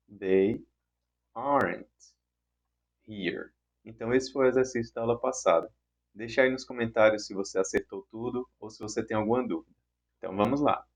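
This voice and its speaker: A man teaching an online English lesson in Portuguese, who repeats the example sentences patiently and clearly. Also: medium pitch, dull audio.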